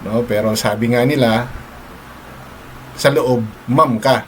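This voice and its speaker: Hosting a live stream, a man chats casually with his viewers in Tagalog sprinkled with English, laughing a lot and often closing lines with "no?" His medium-pitched voice is slow and fairly even, set against a noisy background.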